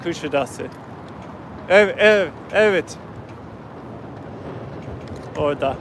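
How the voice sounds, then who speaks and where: A man who is not a native Turkish speaker, chatting casually on a livestream in simple, halting Turkish with a foreign accent and searching pauses. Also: fairly high pitch, fairly bright tone. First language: not Turkish, speaks it as a learner. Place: outdoors by a river. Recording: noisy outdoor live stream.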